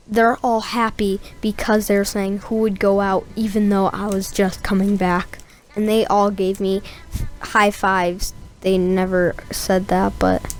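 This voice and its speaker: A young woman giving a casual, rambling voice-over of her gameplay, full of fillers and asides. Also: mid-range voice. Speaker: gameplay narrator.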